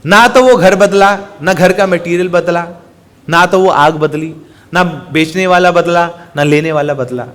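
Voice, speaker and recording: Brief: a high-pitched man preaching a sermon, animated storyteller drawing out a moral. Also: measured pace.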